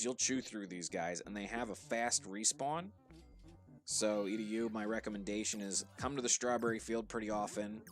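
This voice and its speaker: A streamer with a somewhat low voice and an accent blending New Jersey and Pittsburgh casually coaches his viewers through a game live. He is relaxed and instructive, often restarting sentences and using fillers.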